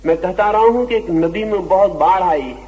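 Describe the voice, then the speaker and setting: A man giving a slow, deliberate spiritual discourse, his voice swelling and dropping for emphasis. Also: sits high, warm tone, long reverb tail, rough recording. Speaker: spiritual teacher. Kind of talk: philosophical discourse.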